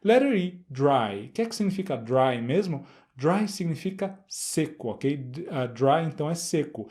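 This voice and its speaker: A middle-aged teacher with a Brazilian Portuguese accent walks a class through an English grammar exercise, repeating words slowly and checking in with students. His voice is on the high side, expressive, with a darkish tone.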